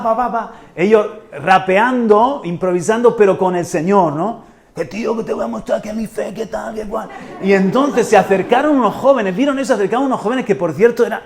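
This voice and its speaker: A man from Murcia in Spain, a pastor preaching an animated sermon that builds to loud exclamations. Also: high-pitched. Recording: echoey church hall.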